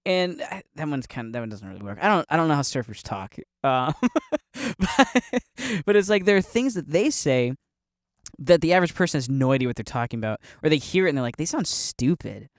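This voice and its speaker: A man's voice: fairly high pitch, expressive, no room sound, clean studio sound. A man hosting a casual solo podcast monologue, laughing often as he talks and rambling through restarts while sipping brandy. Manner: rambling with restarts and quick mock voices. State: drinking brandy. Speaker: podcast host.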